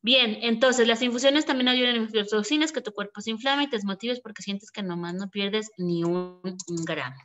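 A woman's voice: a little high, normal speed, hardly any pauses, a bit bright, dull audio. A woman who teaches online marketing in a live screen-share tutorial. She chats casually and thinks aloud as she types. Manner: chatty, thinks aloud while typing. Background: keyboard typing and clicks.

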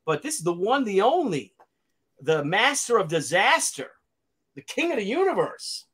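Guy hosting a live video call, super animated, always kidding around. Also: sits high, moderate pace, breathy edge. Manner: joking, teasing, lively storyteller. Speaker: host. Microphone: video call webcam.

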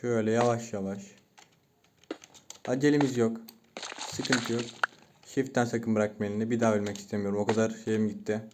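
A young man giving Minecraft let's-play commentary, talking himself through the game, muttering to stay calm and breaking into excited yelps. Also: on the low side, fairly quick, pauses often. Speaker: gaming YouTuber. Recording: noisy home recording with keyboard clicks.

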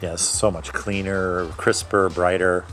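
A man's voice: low voice, flat delivery, a little slow, fairly bright tone, faint music behind. A man reviewing his own home-brewed beer in a casual tasting video, thinking aloud and correcting himself as he goes. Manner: describes aromas and flavors in detail.

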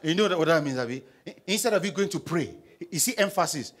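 Pacing a big church stage with a handheld mic, a young Nigerian pastor delivers a sermon in Nigerian English, calling on the congregation to read aloud and answer back. His fairly high, slightly husky voice is expressive and fast, jumping up and down in pitch as he alternates booming lines with low asides.

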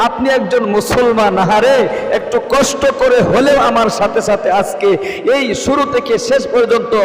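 Man, high pitch, earnest prayer teacher, long hall reverb. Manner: earnest, coaxing, repeats phrases word by word. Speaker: religious teacher. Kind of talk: prayer recitation lesson. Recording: roomy echo with long reverb.

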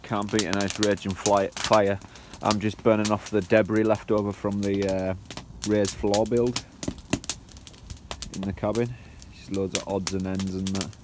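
Northern English man, casual outdoor vlogger, low-pitched, easygoing chat over light camp ambience. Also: level tone, a little slow, noisy background. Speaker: camping vlogger. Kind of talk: casual outdoor vlog narration. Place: outdoors at a woodland camp by a fire.

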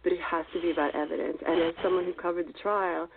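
A woman's voice: on the low side, steady tone, quick pace, noisy background. A woman journalist in an interview clip, speaking earnestly and firmly. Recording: husky, phone-like clip.

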